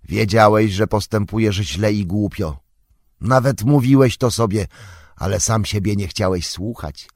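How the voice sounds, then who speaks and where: Guy reading as a wise old wizard, low voice, slow and grave, lecturing, dry close sound. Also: dry recording. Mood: admonishing. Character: old male wizard, wise, stern and patient. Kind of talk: audiobook character reading.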